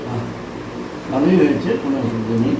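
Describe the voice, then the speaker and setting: Fast-talking middle-aged man in a very echoey room. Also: medium pitch, noisy background. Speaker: vlogger's father.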